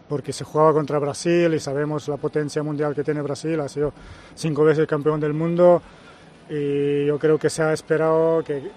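A man in his fifties from Serbia, a native Serbian speaker with a Serbian accent, talking as a guest pundit on a live match broadcast in a measured, hesitant way. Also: a little high, a little mellow, slight background noise. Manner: measured, hesitant with frequent pauses. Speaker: guest pundit, former footballer and coach. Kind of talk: live match commentary chat.

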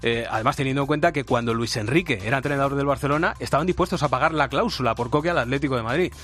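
A man's voice: mid-range voice, racing, a bit bright. A man from Spain giving a matter-of-fact sports update on a radio show. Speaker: sports reporter.

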